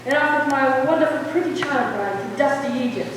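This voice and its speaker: A woman playing a brash, cheerful young gentleman in breezy, declamatory stage acting. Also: sits high, a little fast, noisy background, close to an everyday voice. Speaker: actor in a stage musical. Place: school theatre stage, audience recording. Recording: echoey hall from far off.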